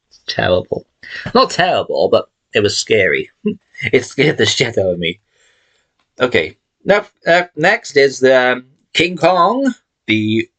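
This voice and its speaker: Man, thirties, tired, yawning, rambling casual chat, mid-pitched voice. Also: a bit bright. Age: 30s. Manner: rambling, chatty, swears casually, self-correcting. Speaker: collection vlogger. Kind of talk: casual chat showing a film collection.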